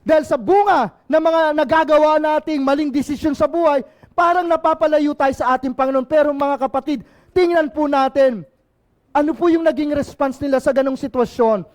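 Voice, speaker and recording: High-voiced Filipino pastor preaching. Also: male voice, brisk. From Philippines. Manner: impassioned preaching, mixing in English, asking the congregation "Amen?". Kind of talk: sermon.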